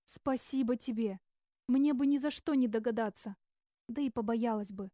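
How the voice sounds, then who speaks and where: Woman reading as tearful young barmaid, high and pleading, exclaiming in despair. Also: moderate pace, dark tone, no echo, studio quality, lightly acted. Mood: relieved.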